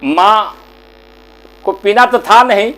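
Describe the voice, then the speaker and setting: A male religious storyteller narrates a moral tale in short, plain phrases. His voice sits high and he paces it slowly, like a patient preacher. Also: fairly bright tone, rough recording. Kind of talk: devotional story sermon.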